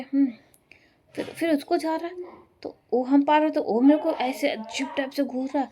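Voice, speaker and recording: A woman's voice: sits high, warm tone, slight background noise. A young woman telling a personal story in a casual vlog, chatty and rambling. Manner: chatty, rambling retelling with fillers. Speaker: vlogger.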